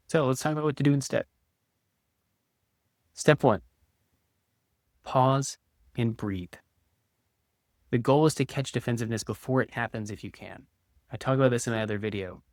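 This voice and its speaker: A man speaks as a counselor, calm and instructive, walking through steps and voicing example replies. His voice sits at an ordinary middle pitch. The sound is close and dry, with no room around it. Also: dry recording. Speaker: couples counselor. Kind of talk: direct-to-camera teaching video.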